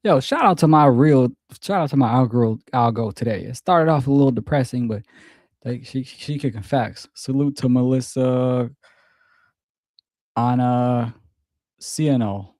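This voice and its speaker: A man's voice: medium pitch, measured pace, darkish tone, no room sound, studio quality. A man streaming and reacting to clips, talking in a laid-back, rambling, profane way and often repeating himself. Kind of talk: casual reaction commentary.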